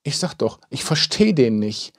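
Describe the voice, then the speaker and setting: A man's voice: mid-range voice, sing-song, slow, a little mellow, breathy edge, voice pushed up, full character voice. A man doing a dreamy, sighing village woman. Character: dreamy, stout village woman who sighs.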